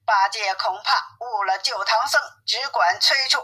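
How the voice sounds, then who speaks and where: A woman narrating a classic story as an audiobook, with a steady, clear storytelling delivery. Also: on the high side, unhurried, low-quality recording.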